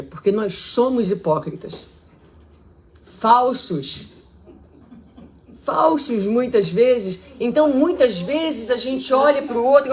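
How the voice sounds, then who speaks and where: A woman with a Brazilian accent giving a public spiritist lecture in a conversational way, acting out quoted speech with lively shifts. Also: mid-range voice, a little hiss or hum. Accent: Brazilian Portuguese.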